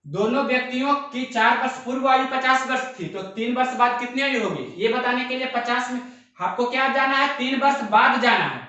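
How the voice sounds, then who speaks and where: The recording is muffled and the room very echoey as a young man teaches exam-prep math, explaining each step, repeating often and asking rhetorical questions. His voice is very high, pushed and bright, and fairly quick.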